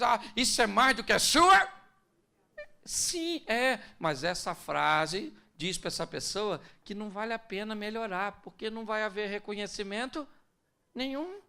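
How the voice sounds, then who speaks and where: A man's voice: sits high, bright, forceful tone. A male pastor preaching a conversational sermon to couples, joking and acting out little scenes.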